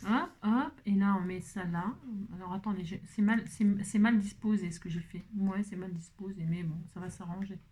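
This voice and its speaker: A woman's voice: mid-range voice, steady tone, moderate pace, background noise. A woman hosting a craft tutorial, chatting playfully to herself and her viewers and breaking into song.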